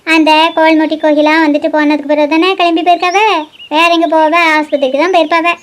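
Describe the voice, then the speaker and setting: Cartoon role: a woman playing a nosy old village granny, shrill and squeaky. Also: level tone, fast, lightly acted. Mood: gossiping. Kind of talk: cartoon voice acting.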